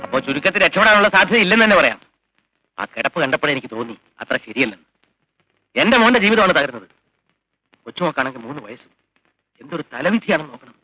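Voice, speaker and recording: A man's voice: fairly high pitch, big pitch swings, fast talker, pauses often, soft background music. An actor playing a blunt, hard-headed older man, the father of the patient's husband, in a 1980s film drama, speaking in an argumentative way. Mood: grim. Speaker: grandfather. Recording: dull 1980s film soundtrack.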